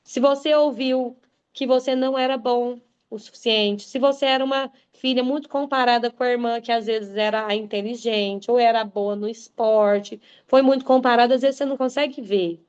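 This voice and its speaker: Lady giving a pep talk, kinda high voice, fired up and preachy, muffled lo-fi sound. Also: fairly even intonation, moderate pace, darkish tone, smooth. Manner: emphatic, preacherly, addresses listeners as "gente". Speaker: motivational speaker. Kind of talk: motivational talk to a group.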